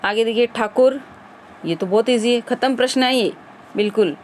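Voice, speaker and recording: A woman's voice: fairly high pitch, normal speed, darkish tone. Quizzing woman teacher, faint noise. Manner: quizzing, repeats answers, addresses viewers directly. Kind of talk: exam-prep grammar lesson.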